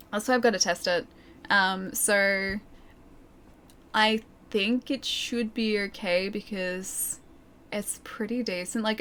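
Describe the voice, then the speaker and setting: Female game streamer, medium pitch, casual viewer chat, slightly careful speech from wearing a retainer, music underneath. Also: a bit bright. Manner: talking with retainer trays in, slightly careful articulation. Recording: music playing behind the voice. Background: background music.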